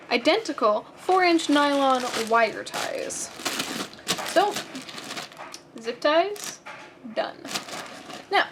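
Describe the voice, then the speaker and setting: High-pitched woman hosting a casual how-to, joking asides, reads instructions aloud, bench camera mic. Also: noisy background. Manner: chatty, self-mocking, jokey asides. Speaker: host. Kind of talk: casual soldering tutorial.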